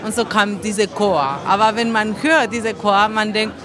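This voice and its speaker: A woman from Argentina, a composer and singer, answering interview questions in a thoughtful way, pausing to search for words, with grammar. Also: medium pitch, crowd noise. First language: Spanish.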